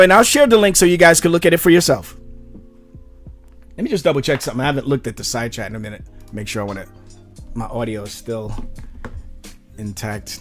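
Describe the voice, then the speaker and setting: Man, livestream host, exasperated, rambling commentary, fairly high voice. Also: a bit bright, no echo. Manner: exasperated, rambling, with restarts and laughs. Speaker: channel host.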